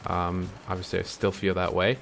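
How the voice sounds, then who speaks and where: A man's voice: low-pitched, completely flat delivery, normal speed, gravelly, slight background noise. A young man talking to camera in a casual, rambling way, full of ums and restarts, earnest about following his dreams. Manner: chewing candy while talking. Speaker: vlogger. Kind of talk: casual reflective monologue.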